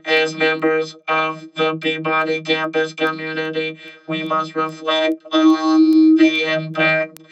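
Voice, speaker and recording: A man's voice: on the high side, monotone, takes it slowly, highs cut off, over loud music. A man doing a stiff robot voice. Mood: robotic. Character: stiff robot voice reading a message. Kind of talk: podcast chat, reading aloud.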